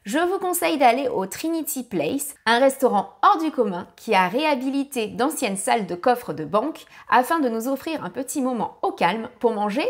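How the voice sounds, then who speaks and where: A woman narrating a family travel guide with practical tips, now and then apologizing for her English pronunciation. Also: high voice.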